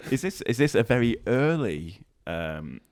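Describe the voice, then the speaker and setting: A man's voice: medium pitch, darkish tone, no room sound. A man co-hosting a board game podcast, talking easily with lots of fillers and tag questions. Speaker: podcast co-host. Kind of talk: casual chat.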